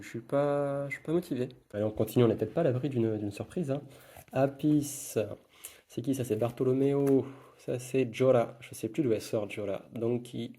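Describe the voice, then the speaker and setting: Man, mellow voice, casual unboxing commentary, muttered card names, mid pitch. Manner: murmured running commentary, reading card names aloud. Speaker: YouTuber opening trading card packs.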